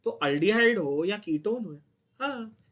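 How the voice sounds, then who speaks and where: Speaking at a measured pace, an Indian-accented chemistry teacher lectures his class in a high-pitched, expressive, fairly bright voice. He explains step by step and often checks that students are following.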